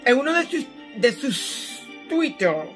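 A middle-aged woman from Caracas with a Venezuelan accent, hosting a casual live chat from her living room, animated and affectionate with her listeners. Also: on the high side, slow pace, soft background music. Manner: animated and chatty, calls listeners "my love". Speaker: host. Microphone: phone at arm's length.

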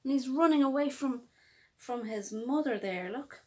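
Reading a children's picture book aloud, this storyteller speaks at a normal speed in a high-pitched voice. Her delivery is expressive and full of emphasis for a young audience.

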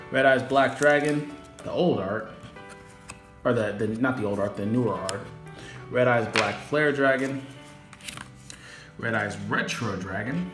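A man doing a casual unboxing vlog, listing off names and adding apologetic asides, recorded with an echoey room sound. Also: mid-range voice. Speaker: YouTuber unboxing trading cards. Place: indoor home room with echo. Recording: echoey room with music behind.

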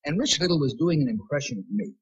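A man's voice: a little high, lively intonation, quick pace, slightly rough, highs cut off. A man in his fifties, guest of honor, giving a self-mocking comic roast speech on a 1970s TV show. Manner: punchy, self-mocking timing. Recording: 1970s TV broadcast, audience laughter.

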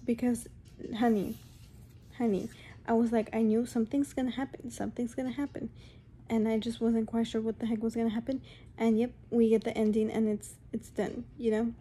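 A woman rants to her camera from home, with a deep, mellow timbre pitched a touch high. She sounds exasperated and circles back over the same points, and she keeps calling the viewer honey. Her intonation stays fairly flat. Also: breathy edge. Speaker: vlogger. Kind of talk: casual rant to camera.

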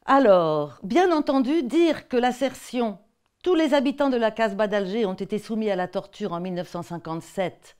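A woman's voice: mid-range voice, a little mellow. A woman with a French accent giving an academic talk on textbook excerpts, conversational and hesitant, often repeating words. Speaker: lecturer.

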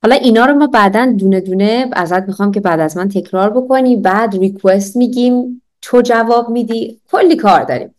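Teaching English online, this woman runs repetition drills, modeling each phrase slowly and clearly while laughing frequently. Her voice is a little high and slightly mellow.

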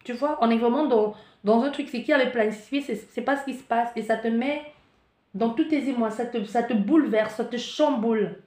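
A woman's voice: on the high side, brisk. A woman giving spiritual guidance from a card reading, talking with animation and often restarting or searching for words. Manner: animated, acts out the listener's panic in asides. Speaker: tarot card reader. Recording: echoey room.

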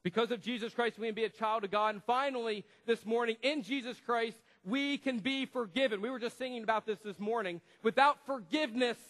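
A male pastor preaching a sermon in a church, swinging between loud, emphatic passages and hushed, quiet ones. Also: very high-pitched, brisk, hardly any pauses. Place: church sanctuary. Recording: long church hall reverb.

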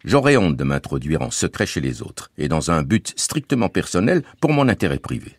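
A man's voice: deep voice, sing-song, a little fast, slightly rough, no room sound, clean studio sound, full character voice. A man voicing a scrupulous, stern schoolteacher father who speaks in a principled, indignant way.

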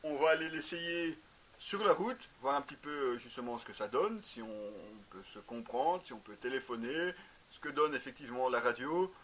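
Standing in a shelved indoor garage, a thirty-something motorcycle gear reviewer talks to camera at normal speed in a mid-range, fairly bright voice with lively intonation. The review is casual and full of hesitations, with slight background noise.

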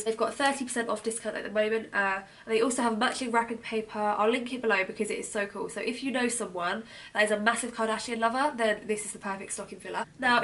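A young British woman blogger, chatty and enthusiastic, with a voice a little hoarse from losing it. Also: fairly high pitch, fairly bright tone. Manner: chatty, enthusiastic product talk with many ums. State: losing her voice. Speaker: beauty blogger. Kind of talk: casual gift-guide vlog.

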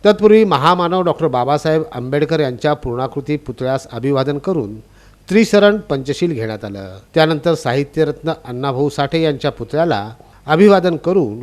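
A man reads a regional news report in a formal, scripted voice-over. His voice sits somewhat high for a man. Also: expressive, a little fast, a little mellow.

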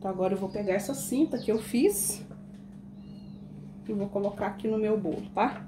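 Fairly quick and mid-range, this woman's voice comes through over a noisy background. She chats with her viewers, whom she calls "gente," as she decorates a cake in her own kitchen and explains each step of the casual tutorial.

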